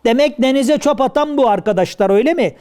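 A man's voice: very high-pitched, quick pace, darkish tone, clean tone. A man voicing a bossy swordfish father. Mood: menacing. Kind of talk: shadow puppet play for children.

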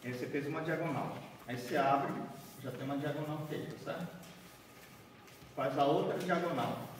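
A man's voice: on the high side, moderate pace, a little hiss or hum. A man in his forties giving an origami talk to a group in a large conference room. He is chatty and keeps checking in with his listeners as he walks and folds paper. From Bahia, Brazil. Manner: chatty, keeps asking "né?" and "certo?", walking and folding paper. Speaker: origami speaker. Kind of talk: workshop talk to a seated group. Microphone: far room camera, no mic seen. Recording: echoey hall heard from far off.

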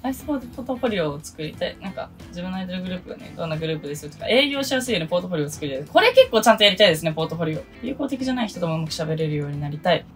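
A young woman in her twenties from Okinawa, chatting casually through a list of goals in a solo vlog, with a low voice and self-deprecating asides. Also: big pitch swings, racing, few pauses, faint music behind. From Okinawa, Japan. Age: 20s. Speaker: idol producer and vlogger.

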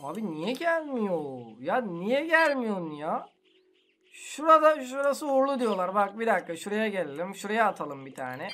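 A man's voice: high-pitched, sing-song, moderate pace, fairly bright tone, soft background music. A man hosting a gaming channel, giving casual gameplay commentary in an exasperated, complaining, slangy way.

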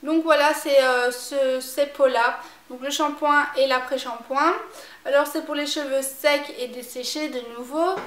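A young woman with a high voice, chatting about her purchases as a beauty vlogger. She talks slowly, hesitating and stopping often with filler sounds. The recording has a noticeable room echo. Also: fairly even intonation, a bit bright, a little hiss or hum. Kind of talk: casual shopping haul talk. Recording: echoey room.

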